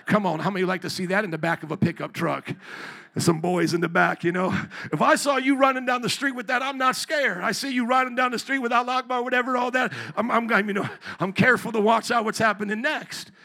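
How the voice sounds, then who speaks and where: A pastor preaches in a church sanctuary, his high, bright, forceful voice carried by the pulpit microphone. He talks fast with a gravelly edge, driving the sermon with emphatic call-and-response and pressing the congregation to answer him.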